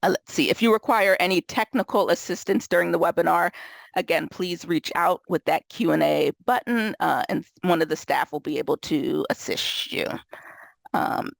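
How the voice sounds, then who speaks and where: Woman with a stuffy nose from a cold, gravelly. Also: on the low side, normal speed, dry recording. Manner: casual, many fillers. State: nasal from a cold. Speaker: webinar moderator. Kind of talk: webinar housekeeping intro. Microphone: video call.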